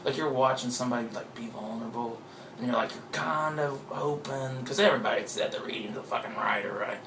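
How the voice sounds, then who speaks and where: A man with a gravelly, fry-edged voice talks through an interview as the author, wandering from thought to thought and swearing casually. He pokes fun at himself as he goes. His voice rings in a roomy, echoey space with a faint hum of noise behind it. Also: medium pitch, fast talker. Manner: meandering, profane, self-mocking. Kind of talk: casual rambling interview talk.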